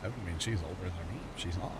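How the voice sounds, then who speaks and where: This livestream host is a middle-aged man with a low, quick voice who chats casually while gaming. He jokes, teases his co-player and hums along, with a game vehicle's engine rumbling behind him.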